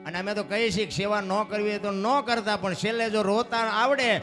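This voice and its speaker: A man performs dayro folk storytelling from a stage, in a high-pitched voice. He swings between loud cries and hushed asides. Music plays clearly behind him. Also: steady tone, fairly quick. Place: stage program.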